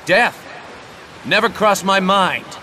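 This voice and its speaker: A man's voice: high-pitched, slow, slight background noise, exaggerated voice. An actor playing a cocky, laid-back young male assassin who taunts his foes in a game. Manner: swaggering, taunting. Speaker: assassin hero. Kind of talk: video game voice acting. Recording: game audio with loud music.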